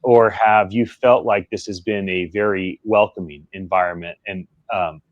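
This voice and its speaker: Low-voiced male host, rambling questions. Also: fairly even intonation, normal speed, no echo, dull audio. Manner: rambling, searching questions with fillers. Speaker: podcast host. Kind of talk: interview questions.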